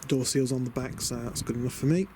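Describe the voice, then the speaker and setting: Speaking fast in a mid-range voice, a British DIY vlogger rambles casually through a look at his camper van conversion, muttering asides in a chatty, understated way. He's outside by a van beside a house. Wind noise fills the noisy outdoor camera audio.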